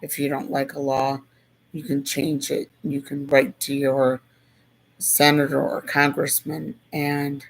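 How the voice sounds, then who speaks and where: A hoarse presenter with a gravelly, rough voice talks through a civics topic at an unhurried pace. The delivery stays flat and even, going back over each point in a casual, thoughtful way. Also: mid-range voice, poor audio. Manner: slow, thoughtful, repeats points. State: hoarse, losing voice.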